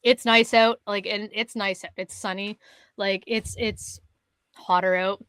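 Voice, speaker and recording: A woman from Canada co-hosting a podcast, telling a hunting story in casual chat, animated and swearing, acting out other people's words. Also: medium pitch, unhurried, clean tone, no echo. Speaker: podcast co-host.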